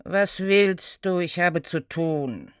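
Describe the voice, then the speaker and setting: A woman voicing a big, stern male centaur inspector who talks in a low, curt, gruff way. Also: slow, no room sound, studio quality. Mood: gruff impatient.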